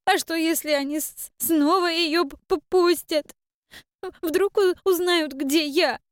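Sobbing little girl, very high tearful voice, stammering pleas, dry close sound. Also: moderate pace, dry recording. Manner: stammering through tears, pleading. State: crying.

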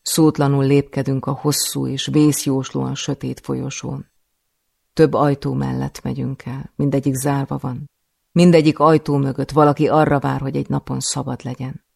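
A man narrating an audiobook in a measured, somber first-person reading. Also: mid-range voice, level tone, vocal fry, a little mellow, dry recording, clean studio sound.

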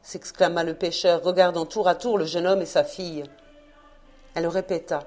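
A woman narrating a novel in a measured, expressive reading. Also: fairly low pitch, soft background music. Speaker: audiobook narrator. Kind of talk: novel read aloud.

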